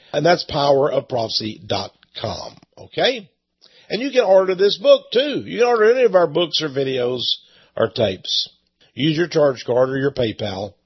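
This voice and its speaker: A husky older man hosts his show in a loose, rambling monologue that often breaks into laughter at his own remarks. His pitch swings up and down a lot. The recording sounds dull and lo-fi. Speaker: radio show host. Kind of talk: casual monologue.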